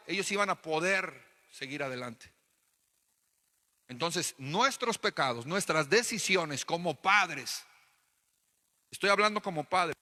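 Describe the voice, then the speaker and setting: A man's voice: high voice, bright, forceful tone, big-room sound. Emphatic preaching man with Mexican accent. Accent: Mexican Spanish. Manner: preaching with emphatic repetition and rhetorical questions. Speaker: pastor. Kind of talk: sermon. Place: church hall.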